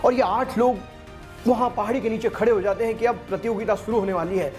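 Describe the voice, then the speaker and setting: A man's voice: high-pitched, steady tone, fairly quick, darkish tone, faint music behind. A man telling a motivational story and addressing listeners as friends. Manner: addresses listeners as friends, voices villagers in quotes.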